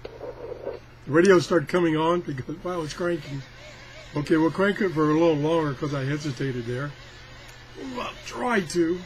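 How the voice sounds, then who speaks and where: At normal speed and with long pauses, a man with a voice on the high side chats casually through a hands-on product test for a radio review. He rambles in a folksy, self-deprecating way. The recording is low quality, with slight background noise.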